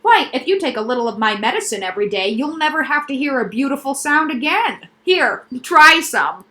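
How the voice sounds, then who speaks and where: A woman's voice: sits high, big pitch swings, fairly quick, sharp tone, pitched above the performer's own voice, heavily acted. Woman playing a pushy, emphatic noise doctor. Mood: salesman-like. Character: fussy male doctor who sells noise, eager and pushy.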